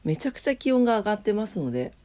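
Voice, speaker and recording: Her mid-range voice is dark and sing-song, racing along even as it sounds nasal, blocked-up and drowsy. She hosts a daily morning show covering weather and today in history, chatting casually between weather and trivia readings, sleepy and unpolished throughout.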